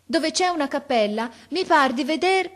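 A woman voicing a brave, fearless young boy in a storybook reading, calling out eagerly. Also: normal speed. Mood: excited. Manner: bright, excited calls from up high.

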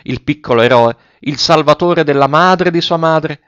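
A man narrating a story in a measured, solemn way. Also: on the high side, fairly bright tone, smooth, dry recording. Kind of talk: audiobook story reading. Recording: dull dry recording.

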